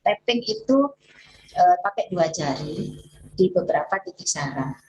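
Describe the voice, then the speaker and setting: A woman therapist talking casually and explaining self-healing techniques step by step as she demonstrates them, with lively rises in pitch and a friendly, chatty manner. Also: low-quality recording. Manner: warm, chatty teaching with hands-on demonstration; lively pitch swings and occasional laughs.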